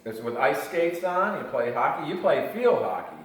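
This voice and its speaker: A man's voice: fairly high pitch, sing-song, moderate pace. An older man with an American accent, an old man casually telling childhood stories and explaining things simply in an interview. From Michigan, United States. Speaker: grandfather being interviewed. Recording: echoey room, distant mic, faint noise.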